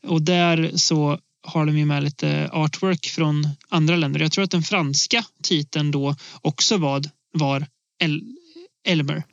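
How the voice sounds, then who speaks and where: A man co-hosting a casual film podcast, relaxed, laughing a lot and pausing often with "eh". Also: on the high side, gravelly, no room sound. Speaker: podcast co-host. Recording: dull, dry lo-fi sound.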